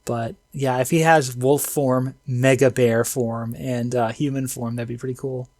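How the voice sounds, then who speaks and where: A man chatting casually about an anime episode, excitable and slangy, full of fillers. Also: mid-range voice, a little slow, no echo. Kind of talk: casual anime review chat.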